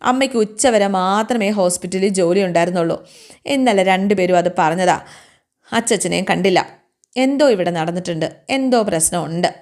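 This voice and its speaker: A woman's voice: on the low side, brisk, a little mellow, lightly acted. Woman reading a pleading, upset little girl. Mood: insistent. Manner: pleading, insistent questions.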